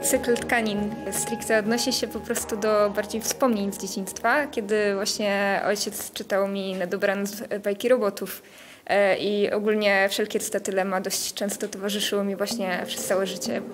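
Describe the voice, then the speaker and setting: A young woman gives an interview with flat intonation at medium pitch, while loud music plays behind her. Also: moderate pace. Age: 20s. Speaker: art student. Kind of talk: interview at exhibition opening.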